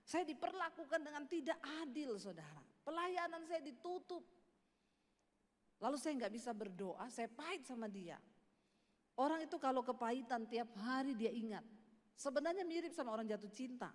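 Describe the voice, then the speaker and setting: A woman preacher giving a personal testimony sermon, talking straight to the congregation and telling her story with lively energy. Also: high voice, normal speed, in a large hall. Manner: addresses the congregation as "saudara", animated storytelling.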